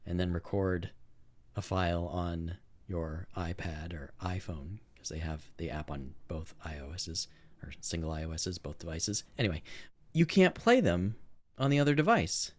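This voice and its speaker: This podcast co-host, who also makes amateur theme music, chats casually and informally with lots of enthusiasm. His voice sits low and is expressive, delivered at normal speed.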